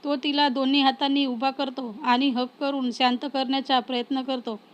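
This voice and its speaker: A woman narrating a romance story in a calm, measured reading. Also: sits high.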